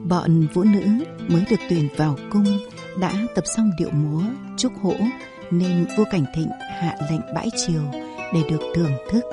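A woman narrating a historical story in a measured, dramatic storytelling manner. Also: fairly low pitch. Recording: dry close recording with faint music.

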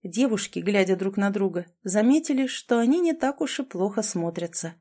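A woman's voice: mid-range voice, animated, moderate pace, dark tone. A woman narrating a fantasy storybook aloud. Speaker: audiobook narrator.

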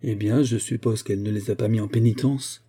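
A man's voice: fairly low pitch, fairly even intonation, fairly quick, warm tone, husky. A man voicing a haughty, disbelieving aristocratic mother in an audiobook. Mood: dismissive. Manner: dismissive, disbelieving. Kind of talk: audiobook character voice.

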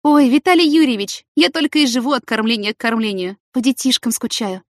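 A chatty, kind-hearted young mother in a hospital ward, as a woman narrator does her, speaking earnestly and openly. She sits a little higher than the reader's own voice. The audiobook recording is dry and close. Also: a little fast, no echo, close to an everyday voice.

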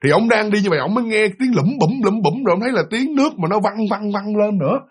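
A man's voice: sits high, lively intonation, fast, breathy edge. A man with a Southern Vietnamese accent telling a ghost story in a chatty way, speaking straight to his listeners. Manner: chatty, addresses listeners directly. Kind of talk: spooky storytelling.

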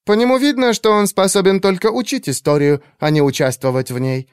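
A man's voice: high-pitched, a little fast, smooth, dry recording, studio quality, pitched above the performer's own voice, natural voice. A man voicing a scornful young female elf warrior who taunts with a mocking tone.

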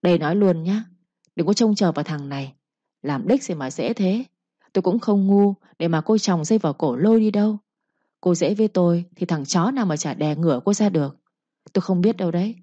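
A woman's voice: fairly low pitch, dark tone, dry recording, lightly acted. A woman voicing a callous young village man who rebuffs his lover with contempt. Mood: contemptuous. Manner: dismissive, contemptuous, fast. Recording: dull lo-fi recording.

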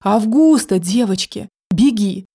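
A frightened older woman crying out in desperation, as a woman reading a story puts her on. Her voice is mellow and warm, with a middle pitch, read like a storybook. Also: animated, takes it slowly, gravelly, husky, full character voice. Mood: panicked.

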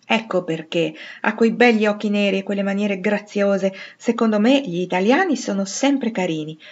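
Dreamy romantic young girl, voiced by a woman, knowing tone, raised pitch. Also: moderate pace, a little mellow, lo-fi sound, natural voice. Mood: sentimental. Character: sentimental romantic older sister Meg.

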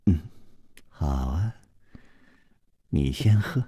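A man voicing a coy, husky young woman. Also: rumbling low, expressive, very slow, dry recording, clean studio sound, pitched below the performer's own voice, heavily acted. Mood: teasing. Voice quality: soft, husky and hushed, often near a whisper. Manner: teasing, coy.

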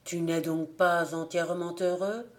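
A woman's voice: fairly low pitch, steady tone, measured pace, natural voice. A woman voicing an old village gravedigger in an audiobook, anxious and pleading. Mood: relieved.

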